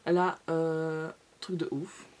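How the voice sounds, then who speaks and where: A woman's voice: low voice, little pitch movement, slow, a little mellow. A young woman vlogger in a casual haul video, chatty and gushing, with playful asides to her viewers. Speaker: beauty vlogger.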